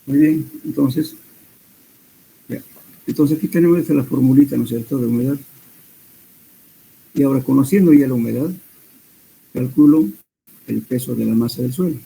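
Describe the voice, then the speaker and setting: Un hombre que da una clase de mecánica de suelos, explicando cálculos paso a paso con muletillas y correcciones. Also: male voice, medium pitch, moderate pace, creaky, long pauses, slightly rough, rough recording. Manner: steady explanatory teaching with hesitant fillers and self-corrections. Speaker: soil mechanics lecturer. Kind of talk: classroom lecture.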